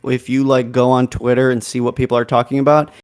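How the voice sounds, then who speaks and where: A man on a casual podcast panel who works through his points slowly, wandering into asides as he goes. His voice has an ordinary middle pitch. He sounds conversational and unhurried. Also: monotone, darkish tone, smooth.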